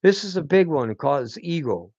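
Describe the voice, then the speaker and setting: Rambling on spiritual themes, this channel host and self-styled teacher keeps tossing "hmm?" at his listeners. He speaks at normal speed in a slightly high, expressive, darkish voice, recorded dry and lo-fi with a dull sound and no echo.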